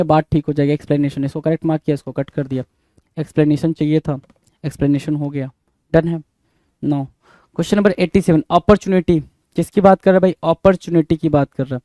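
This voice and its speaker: Spelling words out one letter at a time, a male English teacher repeats each letter and marks the correct answer while calling to his students, whom he addresses as "bhai." His voice is fairly high and mellow, his manner brisk, and there's no echo.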